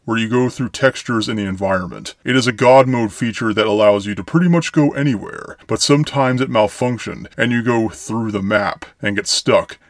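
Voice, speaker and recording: A man's voice: fairly low pitch, dry recording, studio quality. A man narrating eerie horror tales as a show host, in a grandiose, florid, theatrical storyteller manner. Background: music.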